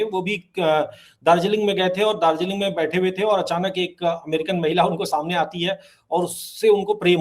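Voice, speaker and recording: High-voiced emphatic male commentator. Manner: emphatic, repetitive, with hesitations. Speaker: political commentator. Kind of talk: talk show discussion.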